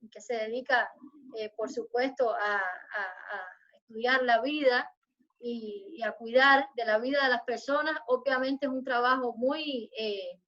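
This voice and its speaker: High-voiced woman giving an online lecture. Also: fairly bright tone, muffled recording. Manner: measured, explanatory, addresses students formally. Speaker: university lecturer. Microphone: video call.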